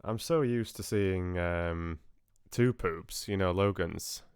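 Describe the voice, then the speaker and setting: The voice sits low, slow and darkish, belonging to a man hosting a livestream. He banters casually with viewers, friendly and hesitant, with trailing asides; the tone is clean, studio quality, with no room sound.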